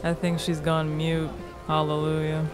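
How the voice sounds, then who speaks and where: Woman playing monotone, bored, cutting socialite. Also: sits low, measured pace, music in the background. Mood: deadpan snark. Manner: deadpan, flat, dismissive. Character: deadpan, bored, cutting young socialite sister. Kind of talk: comedy skit acting.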